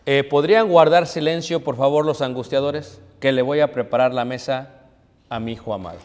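A man voicing a courteous waiter who quietly asks a table for silence. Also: mid-range voice, normal speed, long reverb tail, voice pushed down, close to an everyday voice. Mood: polite. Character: polite male restaurant waiter.

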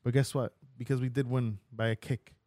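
A man co-hosting a podcast in loud, joking casual chat, swearing and laughing often. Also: mid-range voice, little pitch movement, fairly quick, dry recording, clean studio sound. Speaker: podcast co-host.

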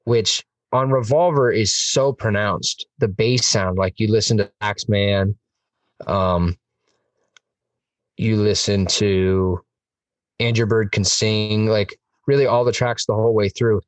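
A man's voice: on the low side, steady tone, slow pace, no echo, recorded from a distance. A man chatting on a music podcast, enthusiastic and rambling, with lots of fillers. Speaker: podcast host. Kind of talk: casual music podcast chat.

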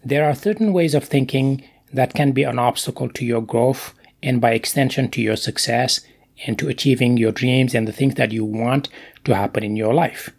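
A man hosting a motivational podcast, speaking in an emphatic monologue full of deliberate stresses. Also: mid-range voice, creaky, breathy edge.

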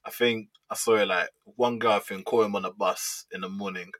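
A young man, co-hosting a casual football chat in excitable, slangy banter. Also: fairly low pitch, a little fast. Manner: excitable slangy banter, says bro a lot. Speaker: podcast co-host.

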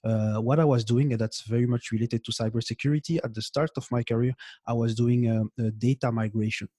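A man in his thirties from Belgium, a consultant answering interview questions with many pauses and restarts. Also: medium pitch, steady tone, warm tone, no room sound, clean studio sound. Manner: hesitant, many fillers and restarts. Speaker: guest expert, consultant.

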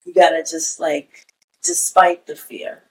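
A woman in her forties who grew up in Kenya, a podcast guest telling stories in a relaxed way with frequent "you know". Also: sits low, unhurried, recorded from a distance, low-quality recording. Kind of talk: casual conversation.

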